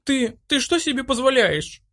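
A man voicing a strict, indignant young woman chairing a disciplinary committee, scolding in a shrill tone. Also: big pitch swings, moderate pace, fairly bright tone, heavily acted. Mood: outraged.

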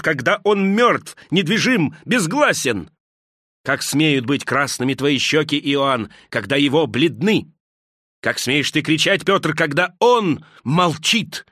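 A man's voice: fairly high pitch, lively intonation, measured pace, no room sound, clean studio sound, full character voice. A man doing Judas, a furious scornful disciple. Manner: impassioned, scornful, rising to shouts. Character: furious bitter male disciple Judas, accusing.

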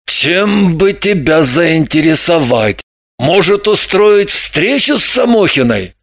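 Brash tipsy middle-aged male gamblers, put on by a narrator; coaxing, slow and lively in pitch. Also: no room sound. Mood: boisterous. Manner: boisterous, coaxing. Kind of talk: audiobook character voices.

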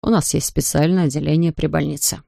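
A narrator doing a calm hospital doctor. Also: mid-range voice, brisk, vocal fry, dry recording, clean studio sound.

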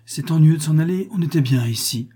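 A man's voice: a little high, brisk, warm tone, husky, voice pushed up. A man voicing an impulsive, lovesick wealthy husband in an audiobook, urgent and passionate. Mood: forced cheer. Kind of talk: audiobook character reading.

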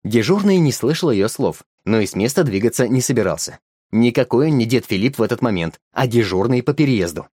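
A man narrating a storybook in a lively, expressive reading. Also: medium pitch, a little fast, no echo, studio quality.

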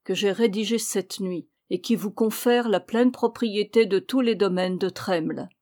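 A woman reading the lines of a stern old male nobleman in an audiobook, slow and solemn. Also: mid-range voice, a little mellow, natural voice.

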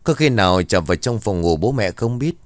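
A man's voice: on the low side, expressive, fairly quick, dry recording, studio quality, lightly acted. A man voicing a young ritual master who earnestly consoles a grieving family.

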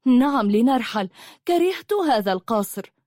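A woman's voice: mid-range voice, lively intonation, measured pace, warm tone, slightly rough, no room sound, clean studio sound. A woman voicing an anxious, eager young woman in a read-aloud story. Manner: eager, urgent.

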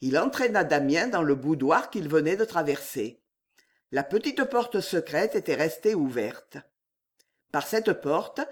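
A male narrator reads a classic novel aloud at a slow, measured pace. His voice is fairly high and very expressive in its pitch, giving the telling a dramatic lift. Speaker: audiobook narrator. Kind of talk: novel reading.

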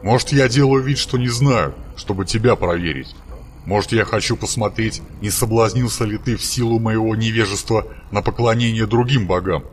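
A man's voice: lowish voice, moderate pace, slight background noise, natural voice. A man doing a grumpy, capricious God. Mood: testy. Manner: gruff, snapping, condescending. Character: grumpy, capricious, self-satisfied male God.

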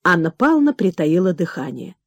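Expressive woman reading a classic novel. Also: lowish voice, a little fast, dry recording, muffled recording. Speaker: audiobook narrator.

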